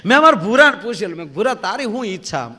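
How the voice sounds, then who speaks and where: Guy doing live comedy stories, kinda high voice, loud swings into characters. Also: racing. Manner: animated, acts out characters, big loud swings. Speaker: folk comedian. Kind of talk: live stand-up storytelling.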